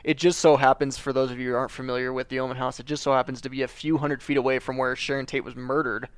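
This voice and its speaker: A man's voice: mid-range voice, little pitch movement, fast, clean tone, dry recording. A man co-hosting a casual podcast chat, joking around and plugging events in a laid-back way. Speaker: podcast co-host.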